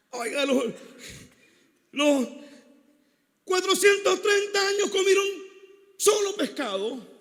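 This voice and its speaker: A Chilean man preaches a sermon in a very high voice, shouting hard and then dropping to near murmurs. His voice rings out with long reverb in a large church hall. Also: very animated, very slow, long pauses. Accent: Chilean Spanish. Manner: shouting, preaching with sudden swings from loud to hushed. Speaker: pastor.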